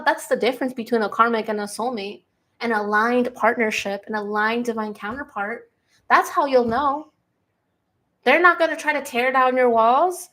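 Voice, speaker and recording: A young woman giving a tarot reading, giddy and excitable, laughing at times and repeating key lines for emphasis. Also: a little high. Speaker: tarot reader. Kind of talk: collective tarot reading to camera.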